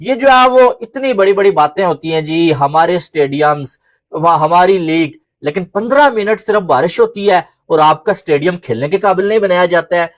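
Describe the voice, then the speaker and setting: A man's voice: high-pitched, lively intonation, normal speed. A man with a Pakistani Urdu accent commenting on cricket in an exasperated way.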